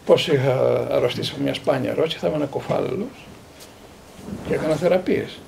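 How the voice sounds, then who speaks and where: A man in his sixties from Greece, a priest and theologian, recounting personal memories as a lively storyteller who quotes others and often repeats words. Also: mid-range voice, gravelly, slight background noise.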